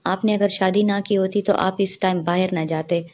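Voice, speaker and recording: A woman's voice: medium pitch, fairly even intonation, normal speed, darkish tone, close to an everyday voice. A woman voicing a naive young woman, a younger sister, in a storybook reading, speaking with innocent surprise. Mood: surprised.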